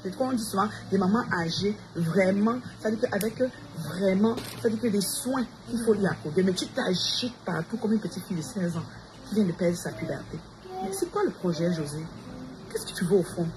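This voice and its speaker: A woman in Montreal rants defiantly on a livestream, calling out her rivals directly and challenging them again and again. Her medium-pitched voice is expressive and a little fast, with noisy ambience in the background.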